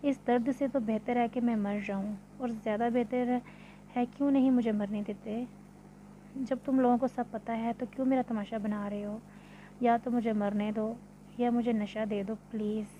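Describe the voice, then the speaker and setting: A woman's voice: on the high side, steady tone, moderate pace, warm tone, dull audio, slight background noise, natural voice. A woman voicing a desperate young man in withdrawal in a read-aloud novel, pleading and anguished.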